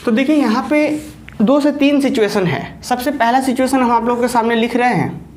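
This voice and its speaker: A woman's voice: fairly high pitch, steady tone, normal speed, darkish tone, slight background noise. A woman maths teacher with a Jharkhand Hindi accent giving an online lecture. She explains step by step and keeps checking that students follow.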